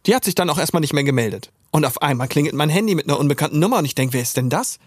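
This is a young man sharing an anecdote as a guest. His delivery is expressive, and he often raises his voice to act out what others said. The recording is dry, with no room sound. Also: on the high side, rapid-fire, breathy edge, no echo. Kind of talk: animated personal storytelling.

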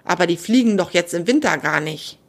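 A woman voicing a small, excitable male squirrel in a children's storybook reading. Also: fairly low pitch, brisk, gravelly. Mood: puzzled.

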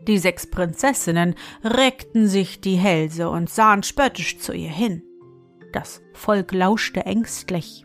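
A woman narrates a fairy tale in a calm, measured way at a very unhurried pace, her voice mid-pitched. Soft music sits faintly behind her.

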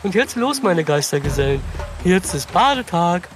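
Kids' audio story: man voicing an upbeat lightning horse, high, bouncy and exclamatory, faint hiss behind. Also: big pitch swings, moderate pace. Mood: excited. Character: eager cheerful young male lightning-fast horse. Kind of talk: children's audio story acting.

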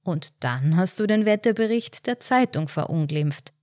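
A woman's voice: fairly low pitch, lively intonation, moderate pace, a little mellow, dry recording, close to an everyday voice. A woman doing a placid old Viennese husband. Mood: calm. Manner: placid, dry, unbothered. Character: calm, unflappable elderly husband.

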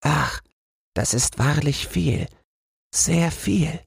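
A man voicing a gentle, anxious old street lantern. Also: on the high side, very slow, creaky, slightly rough, dry recording, clean studio sound, voice pushed up, exaggerated voice. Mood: fretful, tender. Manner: worried, keeps repeating a single fear.

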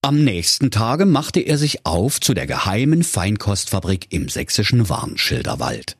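Lively lower-voiced male storyteller. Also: unhurried, breathy edge, dry recording, studio quality. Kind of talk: comic fairy-tale narration.

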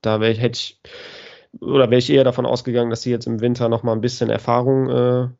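A man co-hosting a podcast, giving hesitant, measured analysis with lots of fillers. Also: medium pitch, level tone, vocal fry, darkish tone. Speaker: podcast co-host. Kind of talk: casual analysis. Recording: dull lo-fi sound.

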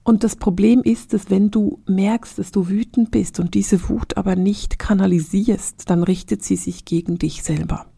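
A woman hosting a reflective podcast monologue, speaking straight to the listener and often dropping into soft, whispery phrases. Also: medium pitch, fairly even intonation, normal speed, creaky, few pauses, slightly rough, no room sound, clean studio sound. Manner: addresses the listener directly as "du". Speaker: podcast host.

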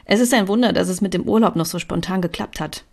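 A kind young woman, tired from work, answers warmly in a storybook reading, voiced by a woman reader. Her lines rise above the narration and stay gentle. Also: mid-range voice, fast talker, natural voice. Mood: friendly. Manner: friendly, slightly tired.

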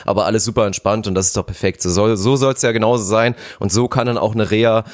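A man's voice: fairly low pitch, steady tone, fast. A man co-hosting a casual podcast, talking in a chatty, reflective way with casual slang. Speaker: podcast co-host.

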